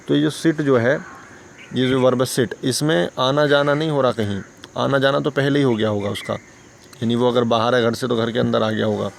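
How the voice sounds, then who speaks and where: A man's voice: medium pitch, creaky, a little hiss or hum. A man teaching an English lesson for beginners, patiently explaining and answering his own questions.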